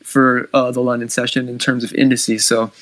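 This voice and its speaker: A man's voice: medium pitch, flat delivery, moderate pace, a bit bright, no room sound, low-quality recording. A man giving casual trading advice on a live stream, talking loosely with lots of "like" and "you know".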